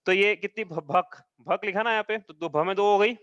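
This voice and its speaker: A man with a high, smooth, fairly bright voice teaches an online class over a video call at a moderate pace. He explains patiently step by step, often making sure students follow. The audio is dull and dry, with no echo.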